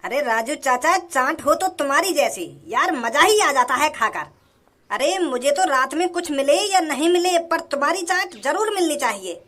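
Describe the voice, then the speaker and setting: A woman voicing a cheerful male doctor who is a regular customer in a cartoon, relaxed and full of praise. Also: high voice, normal speed. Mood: praising.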